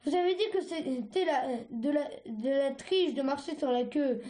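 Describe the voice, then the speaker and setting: Lady reading a shy clumsy young mud dragon boy, hesitant and pleading, high voice. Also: normal speed, mellow, natural voice. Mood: hurt. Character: gentle timid young male mud dragon, clumsy and peaceful.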